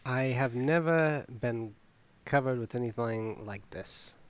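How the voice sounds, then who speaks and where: A man's voice: medium pitch, takes it slowly, clean tone. A man playing his character in a tabletop game, speaking earnestly with hesitations. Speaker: player. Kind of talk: in-character tabletop role-play.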